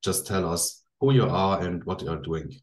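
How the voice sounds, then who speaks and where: Speaking at a moderate pace in a low voice, this man hosts a laid-back podcast interview in English, though German is his native tongue. His friendly questions come with many hesitations and restarts, all in an echoey room.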